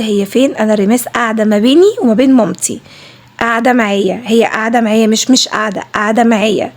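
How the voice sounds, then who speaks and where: Talking casually over footage of her cleaning, a home vlogger with an Egyptian Arabic accent speaks fast and emphatically, often repeating herself. Her voice sits on the high side with a darkish tone.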